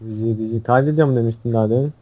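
A young man playing a video game with a friend, giving quick commands, humming and swearing in casual chat. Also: medium pitch, dark tone. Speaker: gamer.

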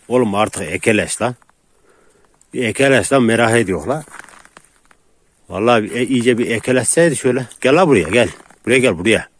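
A man filming his dogs in a rural yard, coaxing and calling them and chatting casually to viewers between chuckles. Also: medium pitch.

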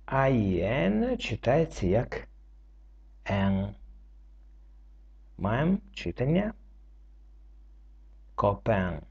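A man teaching French reading, going through it slowly word by word and spelling out letters and rules. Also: lowish voice, vocal fry, dark tone, husky. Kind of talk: slow word-by-word reading lesson. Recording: dull lo-fi recording.

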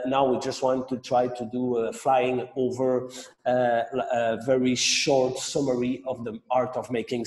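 A man with a Quebec French accent hosts an online masterclass, pausing often and restarting his phrases. His voice is mellow and dark. The sound is roomy, with a long reverb trailing behind him. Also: medium pitch. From Montreal, Quebec. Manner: halting, many fillers and restarts. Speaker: sake masterclass host.

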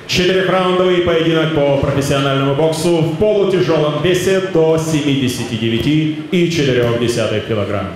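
A man's voice: on the high side, brisk. A young man working as a boxing ring announcer, formally presenting in a ceremonial style with stretched-out names over a handheld microphone. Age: young adult. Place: large indoor boxing venue with audience. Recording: echoey PA in noisy boxing hall.

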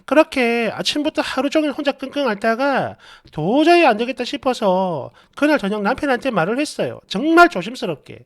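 A woman's voice: a little high, big pitch swings, a little fast, hardly any pauses. A woman reading a dramatized online story in an exasperated, gossipy manner. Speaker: story narrator.

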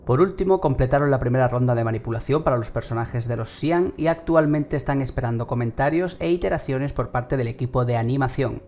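A man with a Spain Spanish accent, hosting a gaming channel and reading a monthly news report in a steady way with casual fillers. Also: mid-range voice, fairly quick, hardly any pauses. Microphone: home studio microphone. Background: background music.

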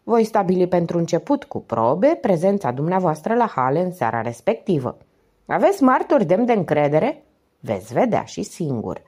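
A woman doing a calm, measured police inspector. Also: lowish voice, slightly rough. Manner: measured, questioning. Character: calm, steady middle-aged male police inspector.

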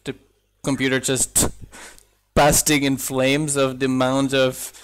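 Speaking slowly and smoothly at a medium pitch, he stays monotone throughout. He's a young German-speaking mod developer, lightly accented, casually chatting and musing to himself while live-streaming a building game.

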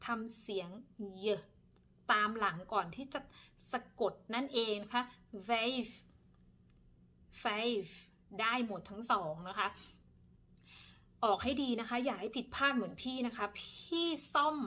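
A woman's voice: fairly high pitch, moderate pace. A woman in her thirties teaching pronunciation politely, repeating each word several times. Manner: polite, ends phrases with soft particles. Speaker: language teacher. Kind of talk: pronunciation lesson.

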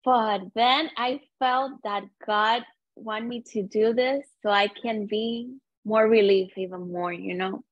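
A woman, talking slowly and earnestly in an interview, often stopping and searching for words. The recording is dry and a little dull. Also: a little high, fairly even intonation, no echo. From Cuba. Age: 30s. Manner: earnest, halting non-native English with many fillers. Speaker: guest. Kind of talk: personal storytelling interview.

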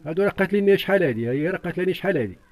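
A man's voice: sits high, animated, rapid-fire, darkish tone. An older man with a Moroccan accent giving an urgent, repetitive, pleading account as an interviewee. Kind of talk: distressed eyewitness account.

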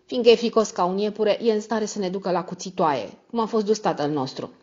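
A woman's voice: darkish tone, close to an everyday voice. A woman reading an audiobook voices a spiteful older sister who mocks and scolds her brother. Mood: sneering. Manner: mocking, shrill scolding. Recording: dull lo-fi audio.

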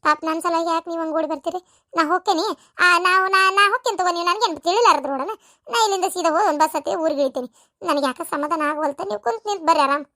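A woman plays a restless older village grandmother in a rural family drama, with a North Karnataka Kannada accent. Her voice sits very high and she talks fast, fretting and going back over her worry again and again. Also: sharp tone, no room sound, studio quality, heavily acted. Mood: anxious. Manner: fretful, repeating her unease.

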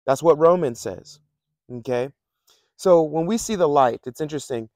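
A man's voice: on the high side, moderate pace, a little mellow, no room sound, clean studio sound. A man preaching a casual, conversational sermon, often repeating himself and chuckling between points. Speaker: pastor.

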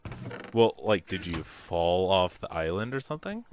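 A young man hosting casual gameplay commentary, joking and laughing often, with excitable bursts. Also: low voice, normal speed, a little hiss or hum. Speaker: gaming channel host.

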